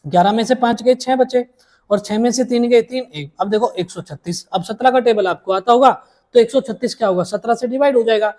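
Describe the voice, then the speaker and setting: A man teaching a maths lesson, repeating each step slowly and calling his students dear children. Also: very high voice, darkish tone.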